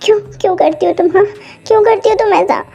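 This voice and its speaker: A woman's voice: very high-pitched, quick pace, creaky, dark tone. A woman voicing a possessive, jealous young husband who stammers as he commands and pleads, in a fan-fiction story. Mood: angry, possessive. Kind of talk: Hindi fan-fiction voice acting.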